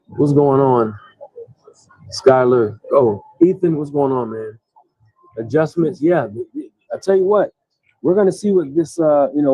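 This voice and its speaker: A man's voice: medium pitch, mellow, no echo. A tired man hosting a casual live sports chat, reading out viewer comments and talking in a rambling way with many restarts and fillers. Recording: dull, lo-fi sound.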